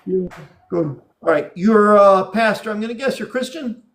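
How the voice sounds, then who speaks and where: Higher-pitched, creaky-voiced male host. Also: normal speed. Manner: encouraging, repeats phrases for emphasis. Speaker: live dating show host. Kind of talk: casual live hosting and interview.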